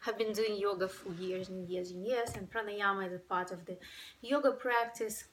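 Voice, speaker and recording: A woman with a Ukrainian accent, a breathwork facilitator telling her personal story to camera in an earnest way, often pausing to search for words. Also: mid-range voice, fairly even intonation, low-quality recording. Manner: earnest, searching for words, many "you know"s.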